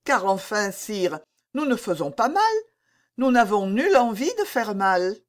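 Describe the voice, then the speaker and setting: A woman reading the lines of a coy, charming young princess in a soft, coaxing voice. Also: medium pitch, very animated, measured pace.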